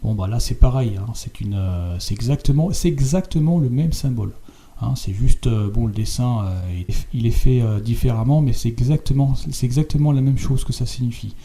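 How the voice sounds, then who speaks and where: A man's voice: mid-range voice, normal speed, warm tone. A man commenting over images in a video, hesitant and insistent, stumbling over repeated words and ending phrases with tag questions. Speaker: video host.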